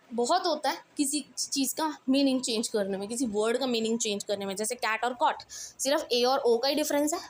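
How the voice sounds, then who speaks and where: A woman English teacher, giving a brisk exam revision lesson that mixes Hindi and English and checks in often with her students. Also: sits high, slight background noise.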